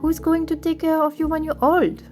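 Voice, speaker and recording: A woman acting in an animated short film, speaking in an earnest, questioning manner. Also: high-pitched, normal speed, lightly acted. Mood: probing. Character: opinionated woman, later a polite, attentive therapist. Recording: music under the voice.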